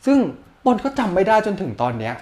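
A man's voice: high-pitched, quick pace. A man with a Thai accent, co-hosting a casual chat and explaining things eagerly with examples. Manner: animated, explains with examples and laughs. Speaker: podcast co-host.

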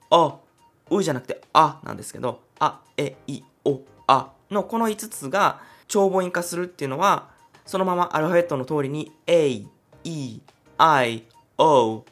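A man hosting his own podcast, talking through an idea one step at a time in a chatty, easygoing way. His voice is a little breathy, and his pitch moves around a lot as he speaks. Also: fairly bright tone. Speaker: podcast host. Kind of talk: solo podcast explainer.

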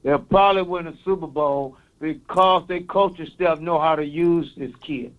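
A man calling in, with an East Saint Louis accent and a fairly high voice. He talks earnestly and reels off numbers. The line sounds muffled and lo-fi. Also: moderate pace. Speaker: caller. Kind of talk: call-in sports talk.

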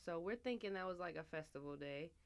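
Young woman with a lowish, teasing voice. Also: expressive, fast talker. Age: young adult. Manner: playful, teasing banter. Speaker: podcast co-host. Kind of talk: casual chat.

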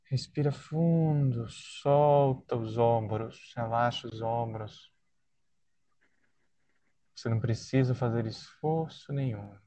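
A man with a Brazilian accent leading a guided body-scan relaxation in a soothing, unhurried way, leaving long pauses between short phrases. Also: medium pitch, warm tone. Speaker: guided meditation leader.

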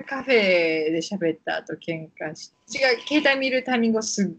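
A woman with a Kansai accent co-hosting a casual podcast chat, telling stories in an expressive, emphatic way with lots of giggles. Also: on the high side, brisk, a little hiss or hum. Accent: Kansai Japanese. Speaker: podcast co-host.

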